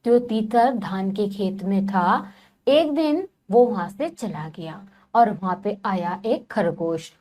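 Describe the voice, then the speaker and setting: A woman's voice: mid-range voice, animated, slow, warm tone. A woman teacher reading a story aloud to children, retelling each passage and asking them questions.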